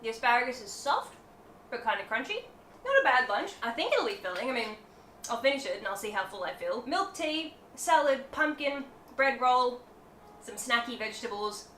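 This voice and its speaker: Lively young woman food vlogger. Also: fairly high pitch, moderate pace, echoey room, a little hiss or hum. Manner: chatty and animated, tasting and commenting on food. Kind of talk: casual food vlog. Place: hotel room.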